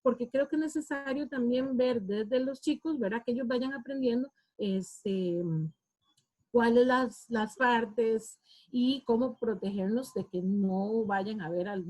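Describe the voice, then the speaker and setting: A woman's voice: a little high, normal speed, dark tone, slightly rough. A woman with a Costa Rican accent giving an online workshop for parents, speaking informally and often adding fillers and tag questions. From Costa Rica. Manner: informal, often adds "¿verdad?" and "este". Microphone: video call.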